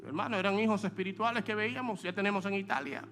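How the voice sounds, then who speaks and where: A man preaching a sermon as pastor, animated, with joking asides to the congregation, acting out quoted speech. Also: high voice, fast, soft background music.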